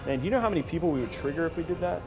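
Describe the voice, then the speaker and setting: A man's voice: fairly high pitch, lively intonation, rapid-fire, music in the background, poor audio. A man hosting a casual stream, joking and teasing his guest while building a PC.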